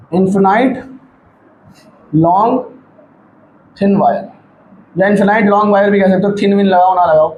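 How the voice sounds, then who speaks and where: Guy teaching physics, pretty high voice, says everything twice, keeps asking if you get it, echoey room. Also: a little mellow. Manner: repetitive, coaxing, keeps checking students follow; light teasing asides. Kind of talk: classroom lecture at a board. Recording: echoey room with faint background noise.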